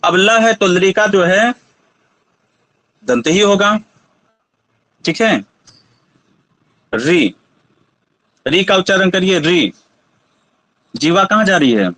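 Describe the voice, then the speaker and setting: A man's voice: high-pitched, takes it slowly, pauses often, fairly bright tone, no echo, low-quality recording. A man teaching a Sanskrit pronunciation lesson, patiently asking students to try each sound aloud.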